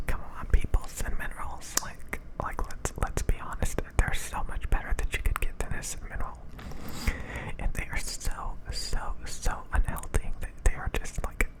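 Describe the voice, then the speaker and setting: This is a soft ASMR pep talk delivered entirely in a breathy whisper. The speaker rambles casually and encouragingly, circling back to repeat phrases and pausing to find words. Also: poor audio. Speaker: ASMR creator.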